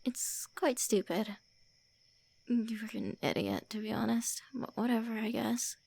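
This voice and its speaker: In an ASMR roleplay, a woman with a somewhat high, unhurried, gravelly, slightly mellow voice plays a tsundere vampire lord who is centuries old but looks to be in her early twenties. Whispering and stammering, she teases the listener brusquely and calls them names while secretly shy and flustered.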